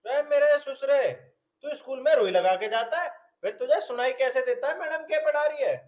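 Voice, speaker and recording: An actor playing a stubborn, cheeky young village husband with a Haryanvi accent, loud and quarrelsome with quick comic retorts. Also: male voice, very high voice. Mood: lecturing. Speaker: comic lead in a village film.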